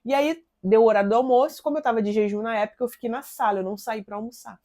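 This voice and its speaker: A woman's voice: on the high side, racing, mellow. Brazilian woman, 30s, earnest, chatty faith testimony, keeps asking "you know?". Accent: Brazilian Portuguese. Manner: earnest, conversational, with frequent tag questions.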